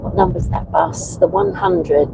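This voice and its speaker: A woman's voice: lowish voice, fairly even intonation, unhurried, vocal fry. A woman, casually reading out viewer comments and chatting as a passenger, with some hesitation. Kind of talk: casual live stream chat. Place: inside a moving car. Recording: faint car road noise. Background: vehicle noise.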